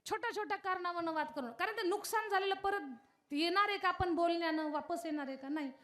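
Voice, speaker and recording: A woman preaching a devotional kirtan sermon, telling a story and putting questions straight to her audience in an animated way. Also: very high-pitched, fast talker.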